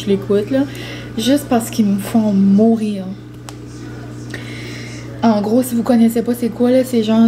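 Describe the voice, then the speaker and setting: A woman's voice: a little high, dark tone, slight background noise. Chatty New Brunswick French woman vlogger. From New Brunswick, Canada. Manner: chatty, rambling, full of fillers and slang. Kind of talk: casual chat to camera.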